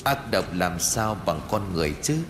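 A cold, vengeful ghost woman, as a male narrator puts her on, muttering her threats low and quiet in a horror audiobook. Her voice swings lively in pitch over faint background music. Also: normal speed. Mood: menacing.

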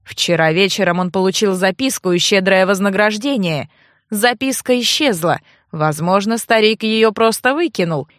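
A woman voicing a brooding, angry young nobleman who speaks low and clipped in an audiobook. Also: moderate pace, fairly bright tone, no echo, studio quality, lightly acted. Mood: cold, accusing. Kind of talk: audiobook character voice.

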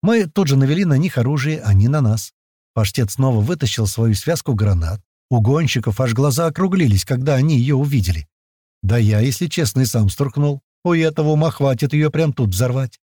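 A man narrating a first-person audiobook in a lively, slangy, conversational way. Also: medium pitch, brisk, no room sound, clean studio sound.

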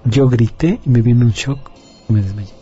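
Man, very dark mellow voice, husky, earnest testimony, lo-fi sound with faint music. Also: mid-range voice, normal speed. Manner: earnest, confiding storyteller. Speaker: interview guest. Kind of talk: emotional personal testimony. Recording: dull lo-fi audio, faint music.

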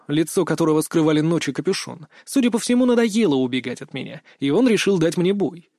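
A man narrating an audiobook in the first person, in a brisk storytelling manner. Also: fairly high pitch, darkish tone, dry recording, studio quality.

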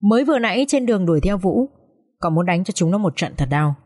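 A woman narrating a dramatic audiobook story with steady, expressive delivery. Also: medium pitch, quick pace.

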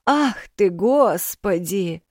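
Woman doing blunt elderly country landlady, higher and louder, folksy scolding. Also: a little slow, no room sound, clean studio sound. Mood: fussing. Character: elderly village landlady, blunt, earthy, fussing.

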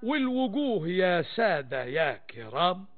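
An actor playing a wry, playful storyteller in the Arabic café manner, with an Egyptian accent, theatrically addressing listeners in rhymed colloquial prose. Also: male voice, high voice, very animated, a little slow. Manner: theatrical, addresses listeners, poses and answers questions. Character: wry, playful male storyteller mocking high society. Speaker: narrator. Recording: thin phone-like old radio sound, music behind.

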